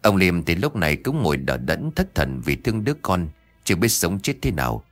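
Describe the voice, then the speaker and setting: A man narrating a ghost story aloud, expressive and acting out each character. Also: sits low, fairly quick, no room sound, soft background music. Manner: expressive, acts out every voice.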